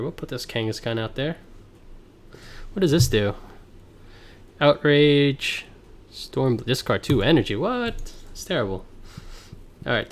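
Male streamer, mid-pitched, easygoing muttered play-by-play over a headset mic, livestream audio. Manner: thinks aloud, reads card text, chats with viewers. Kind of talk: casual gameplay commentary.

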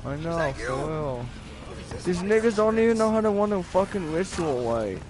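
A young gamer with a fairly high, animated voice talks at a normal pace to his co-op teammates on stream, full of slang and swearing. He speaks into a headset, and game music and sound effects sit under his voice amid a noisy background.

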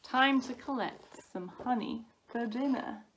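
An exasperated young boy wolf from a storybook, acted out by a woman. The big brother speaks dramatically and very slowly, leaning hard on words. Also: on the high side, a bit bright, slight background noise, poor audio. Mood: eager, scheming. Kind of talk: storybook character voice.

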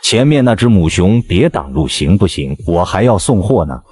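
A man's voice: sits low, very animated, moderate pace, darkish tone, slight background noise. A man voicing a grumbling, put-upon logger in a cartoon game parody, irritable and easily flustered. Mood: irritated. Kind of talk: fan game-animation dub.

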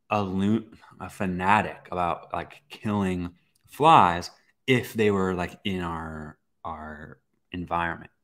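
A young man hosting a podcast, telling a personal story in a casual, animated way, with swearing and acted-out reactions. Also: sits low. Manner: animated, swearing, acts out his own reactions. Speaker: podcast host.

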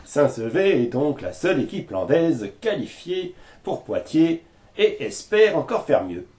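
A male reporter narrates a local sports segment in a slow, measured voice-over. His tone is mellow and dark, and his pitch rises and falls freely. The delivery sounds scripted and even. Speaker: news reporter.

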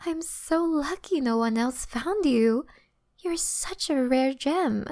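A woman acts out a female vampire in an ASMR role-play, flirtatious and gentle yet predatory. Her voice is fairly high, soft and mellow. She takes her time, teasing and quietly boasting. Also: lively intonation, full character voice. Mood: teasing, admiring. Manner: teasing, softly boastful, unhurried.

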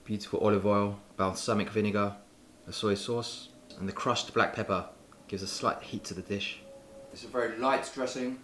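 A man hosting a home cooking video, giving clear step-by-step instructions and tasting the dish in his kitchen. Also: on the low side, steady tone, moderate pace, fairly bright tone, slight background noise. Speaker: cooking show host. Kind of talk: recipe narration and tasting. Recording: background music under voice.

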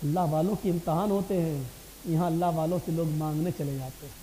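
A man preaching a devotional sermon, switching between loud, impassioned declaiming and low, hushed asides. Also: fairly even intonation, fairly quick, slight background noise. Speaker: Islamic preacher. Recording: long reverb of a large hall.

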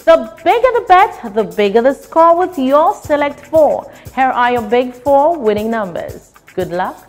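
A woman's voice: high-pitched, very animated, measured pace, soft background music. A young woman, presenting a lottery draw in a formal, carefully enunciated way. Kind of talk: scripted TV lottery announcing.

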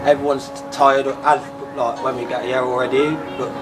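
Laid-back footballer, flat casual answers. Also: male voice, mid-range voice, normal speed, over music. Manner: plain short answers, casual. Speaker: football player. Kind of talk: post-match interview. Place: outdoor football stadium stand.

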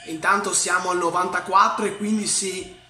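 A man in his twenties giving live fan football commentary in speech, excitable and dramatic, with anxious, emphatic repetition. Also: sits high, normal speed, soft background music. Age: 20s. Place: room at home, indoors. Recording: roomy indoor echo.

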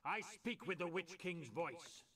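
A man's voice: fairly high pitch, animated, a little slow, sharp tone. An actor playing a harsh orc thrall master who barks contemptuous orders at his troops, heard through noisy game audio. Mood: commanding. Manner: gruff, contemptuous drill-sergeant barking.

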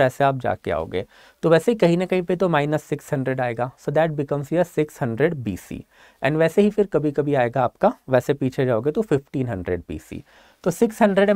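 A man with a fairly high, darkish voice gives an online exam-prep lecture mixing Hindi and English. He explains step by step and often checks that students are following, captured in a dry, studio-quality recording.

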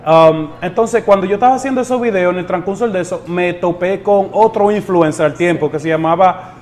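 High-voiced Dominican man, easygoing. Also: brisk, darkish tone. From born in the United States to Dominican parents. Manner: easygoing, repeats words, mixes in English phrases. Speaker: guest. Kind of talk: casual interview talk.

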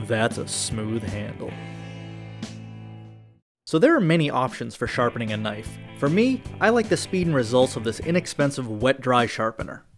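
A man with a nasal voice, hosting and narrating a step-by-step knife-making build, upbeat with jokey asides. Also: medium pitch. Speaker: knife-making channel host.

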